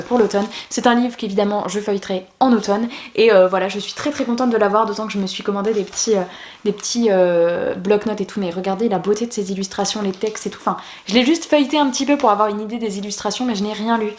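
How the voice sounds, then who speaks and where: A woman's voice: medium pitch, reverberant. A woman chatting casually through a book haul vlog, talkative and full of fillers and restarts. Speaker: book YouTuber.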